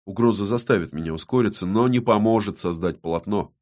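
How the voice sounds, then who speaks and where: A man's voice: fairly low pitch, fairly quick, darkish tone, natural voice. A man reading an audiobook, voicing a polite, evasive male painter who speaks in a deferential, placating way.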